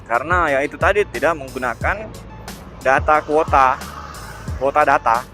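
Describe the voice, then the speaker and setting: An Indonesian motovlogger hosts a casual vlog outdoors on a motorbike, explaining things hesitantly and often correcting himself. His voice is a little high with a sharp tone at normal speed, and soft music plays in the background.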